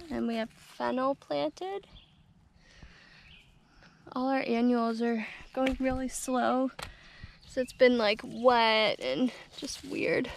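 A young woman talks her way slowly and easily through a garden tour, her voice sitting a little high. She fills her speech with casual fillers. A handheld camera catches her outdoors, with faint country noise behind her. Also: creaky. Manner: easygoing, chatty, lots of fillers. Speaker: homestead vlogger. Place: outdoors in a rural garden on a hot day. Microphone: handheld action camera.

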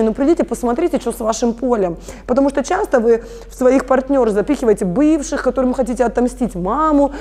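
A woman's voice: sits high, warm tone. Earnest woman in her thirties explaining. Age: 30s. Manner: earnest, explanatory, addresses listeners directly. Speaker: family constellations facilitator, guest. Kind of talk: conversational interview.

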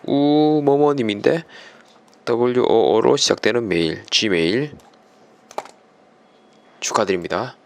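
A man's voice: mid-range voice, brisk, fairly bright tone, slight background noise. A man hosting a YouTube channel, presenting a giveaway winner announcement in polite, formal phrasing.

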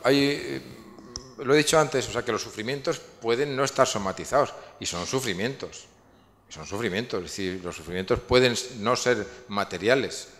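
In a large lecture hall with long reverb, a man gives a public lecture that takes audience questions, rambling through his ideas with many fillers and frequent restarts. His voice is medium-pitched and fairly bright at a normal speed, with a little hiss or hum.

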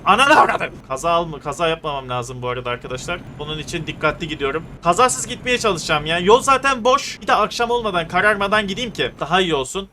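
A man's voice: high-pitched, a little hiss or hum. A young man commentating his truck-driving game, ranting and cursing at other drivers. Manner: excitable, swears and rants at other drivers. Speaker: gaming streamer. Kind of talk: casual gameplay commentary.

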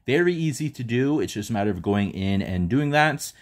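A man hosting a casual tech tutorial, calmly walking viewers through each step while filming indoors on a handheld phone. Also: medium pitch, brisk. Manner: relaxed step-by-step instructions. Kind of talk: casual how-to walkthrough. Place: indoors, filming over a bed.

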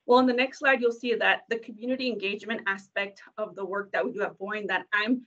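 A woman's voice: medium pitch, fairly even intonation, pushed and bright. Woman presenting slides on a video call, lots of ums. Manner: many ums and uhs, brisk. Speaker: corporate community engagement presenter. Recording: dull lo-fi video call audio.

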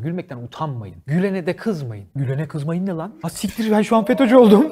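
A man hosting a comedy show, joking and cursing freely in an animated monologue, often laughing as he talks. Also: mid-range voice, slightly rough. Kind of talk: stand-up style monologue to a studio audience.

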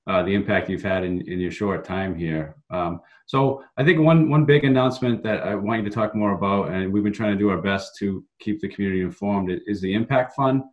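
A man's voice: on the low side, brisk, lo-fi sound. A man in his thirties hosting a video call interview from a home room, friendly and thankful with small hesitations. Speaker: town manager hosting a talk show. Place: home room with framed pictures. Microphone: laptop webcam video call.

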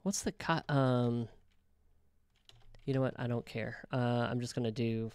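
A man casually talking through a software tutorial, thinking aloud with frequent ums and self-corrections. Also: medium pitch, fairly even intonation, unhurried, clean tone, no room sound. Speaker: web developer tutorial host. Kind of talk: casual screen-recorded software walkthrough.

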